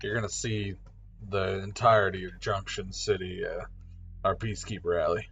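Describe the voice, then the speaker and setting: A man's voice: deep voice, steady tone, normal speed, a bit bright. A man narrating as game master of a tabletop game, talking loosely and casually with lots of fillers.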